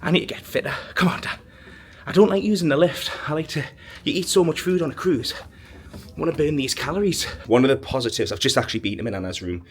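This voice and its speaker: A man's voice: a little high, quick pace, slight background noise. A young man chatting casually in a travel vlog on board a cruise ship, self-deprecating and laughing often. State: out of breath at times. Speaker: cruise vlogger. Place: aboard a cruise ship, outdoor deck and corridors.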